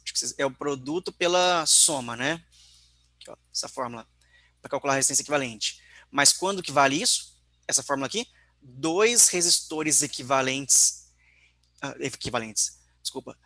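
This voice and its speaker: A man teaches physics over a video call, walking through each calculation and checking that his students follow. His voice sits a little high, with a bright, forceful edge. The sound is dry and close. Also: no echo. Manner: walks through calculations step by step, often checking in with the class. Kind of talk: online class explanation.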